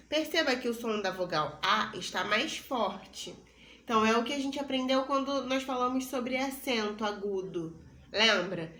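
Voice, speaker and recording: Woman, primary teacher, slow and patient delivery, echoey room, faint noise. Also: on the high side, a bit bright. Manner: slow, patient, spells out vowels for children to repeat. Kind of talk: recorded lesson for young children.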